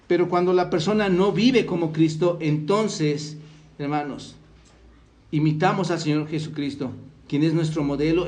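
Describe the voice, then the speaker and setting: A man's voice: a little high, darkish tone. A man from Mexico preaching a sermon as pastor, earnestly quoting scripture and putting questions to the congregation. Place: church hall.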